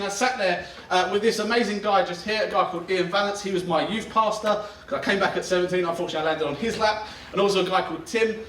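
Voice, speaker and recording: A pastor in his thirties delivers a conversational sermon in a church auditorium, chatty and self-deprecating, laughing as he talks. His voice sits high and a bit bright, and the distant mic picks up a reverberant sound.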